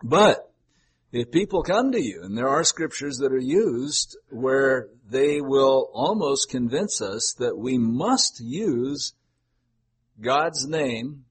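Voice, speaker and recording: An older man delivers a sermon in a relaxed, conversational manner, chatting with his congregation rather than orating. His voice has a husky, slightly breathy edge, and it sits at an ordinary middle pitch. He wanders into folksy asides as he talks. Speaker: pastor.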